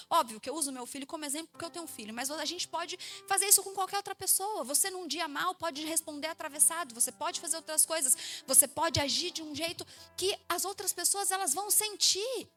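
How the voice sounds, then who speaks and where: A woman in her thirties with a Brazilian Portuguese accent, a pastor preaching a sermon in a church, telling stories with lively acted-out voices. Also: very high-pitched. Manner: lively storytelling, acts out quoted voices.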